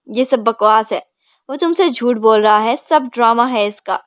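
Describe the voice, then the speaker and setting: A woman voicing a blustering older father, startled and gruff but quickly cowed by his wife. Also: extremely high pitch, fairly bright tone, dry recording, studio quality. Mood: alarmed. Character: blustering rich older father, easily flustered.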